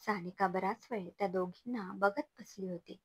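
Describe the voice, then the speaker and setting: Storyteller: woman, gentle even narration of a romance, husky tone. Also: mid-range voice, normal speed, dry recording.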